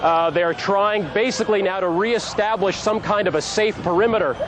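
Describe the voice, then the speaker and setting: A man giving an unscripted live news report from outdoors, recounting events in a halting, measured way. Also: sits high. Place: outdoors on a city street. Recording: clear outdoor traffic noise.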